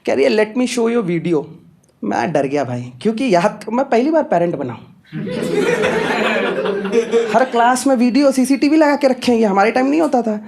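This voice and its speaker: A man's voice: very high-pitched, animated, brisk, vocal fry, pauses often, a little mellow. A young man doing stand-up comedy and telling a story to a live audience in a chatty way that speaks straight to the crowd. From India. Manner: conversational, addresses audience directly. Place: comedy club stage with audience. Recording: noisy live club recording.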